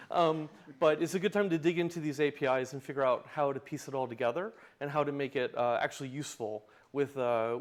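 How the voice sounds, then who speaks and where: A man presenting a live demo in a tech lightning talk, with wry, self-deprecating humor. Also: fairly high pitch. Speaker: tech conference speaker, open source project founder.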